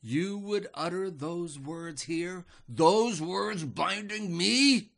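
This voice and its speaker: A man voicing Lucifer, a menacing male devil king who speaks low in barely a whisper. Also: slow pace, vocal fry, a bit bright, full character voice.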